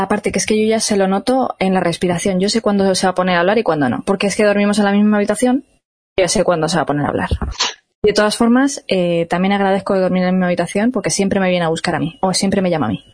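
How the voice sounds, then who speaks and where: Lively woman telling stories. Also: medium pitch, quick pace. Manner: lively, laughing, acts out quoted voices. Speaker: radio show co-host. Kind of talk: casual storytelling on a radio talk show.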